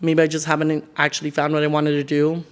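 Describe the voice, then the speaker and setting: A man's voice: a little high, monotone, fast talker, smooth. A 21-year-old man vlogging, chatting casually to camera and venting in a rambling way, with lots of filler words. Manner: rambling and venting, heavy use of "like". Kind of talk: casual sit-down chat to camera. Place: his decorated home.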